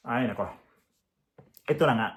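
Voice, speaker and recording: Visayan-accented vlogger, blunt and proud. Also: male voice, medium pitch, moderate pace, slight background noise. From Visayas, Philippines. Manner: proud, blunt, with many fillers and restarts. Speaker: reaction vlogger. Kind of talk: casual commentary.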